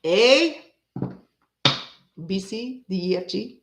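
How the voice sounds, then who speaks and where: A woman in her forties, raised in Florida and bilingual in French, with an American accent. She chats casually with live viewers, rambling and breaking into sudden animated bursts. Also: mid-range voice, slow pace, gravelly, roomy sound, background noise. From Canada, raised in Florida. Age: 40s. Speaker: tarot reader chatting with live viewers. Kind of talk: casual livestream chat.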